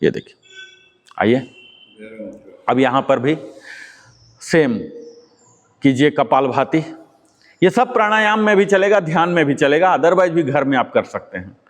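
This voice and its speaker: A man's voice: on the high side, sing-song, measured pace, long pauses. A man leading a yoga class, giving patient step-by-step instructions and quizzing his students. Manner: patient, repeats key words and quizzes students. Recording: long hall reverb.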